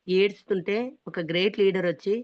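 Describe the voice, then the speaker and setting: A woman's voice: medium pitch, flat delivery, fairly quick, no room sound. Earnest Telangana-accented woman, dull recording. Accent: Telangana Telugu. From Hyderabad, India. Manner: earnest and emphatic, often stressing that she is being sincere. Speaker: business testimony speaker. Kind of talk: motivational testimony talk. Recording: dull, dry, lo-fi sound.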